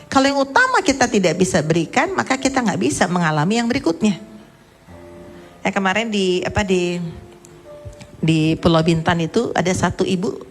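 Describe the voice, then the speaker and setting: A woman's voice: medium pitch, animated, brisk, pauses often, soft background music. A middle-aged woman pastor preaching a sermon, telling a story and acting out the voices she quotes, with emphatic rising questions.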